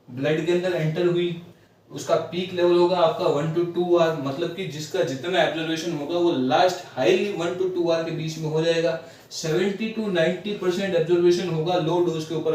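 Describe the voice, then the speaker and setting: A man tutoring nursing students, explaining drug notes, slowly repeating and spelling out terms. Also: a little high. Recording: very echoey room, mic at a distance, faint room noise.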